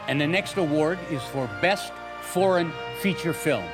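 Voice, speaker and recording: A man's voice: a little high, normal speed, music in the background. A man from Los Angeles presenting awards, reading out nominees with joking asides.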